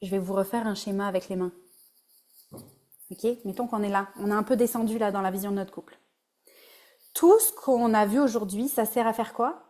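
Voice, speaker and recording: Speaking briskly but with long pauses, a woman with a darkish, medium-pitched voice and a Québécois French accent presents a conversational webinar as a relationship coach. She keeps it casual and drops in English words.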